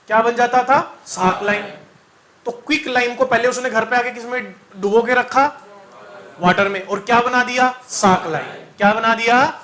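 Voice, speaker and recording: A man's voice: very high-pitched, bright, forceful tone. A man teaching chemistry to a class, quizzing students in a call-and-response style, joking and singing mnemonics.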